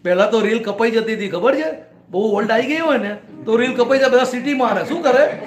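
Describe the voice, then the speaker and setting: A man's voice: very high voice, fairly quick. A man, a spiritual teacher, giving a discourse to a small gathering in a private home and often putting short questions to his listeners. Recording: echoey room.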